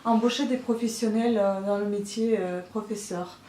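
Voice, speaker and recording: A woman's voice: mid-range voice, steady tone, normal speed, mellow, recorded from a distance, slight background noise. Hesitant woman in a roomy space. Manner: hesitant, many filler sounds; frustrated complaining. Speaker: vlogger. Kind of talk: casual monologue. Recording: roomy sound, voice from the mic.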